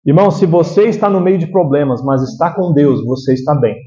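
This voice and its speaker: A man's voice: fairly high pitch, expressive, a little fast, mellow, lo-fi sound. A man with a Brazilian Portuguese accent preaching a sermon, talking conversationally and checking in with the congregation. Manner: conversational, keeps asking the congregation "né?". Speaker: pastor.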